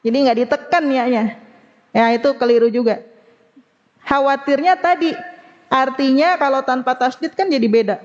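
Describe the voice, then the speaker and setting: High-voiced woman teaching Quran recitation. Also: darkish tone, long reverb tail, dull audio. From Indonesia. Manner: demonstrates Arabic sounds slowly between quick explanations. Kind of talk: Islamic study class on recitation.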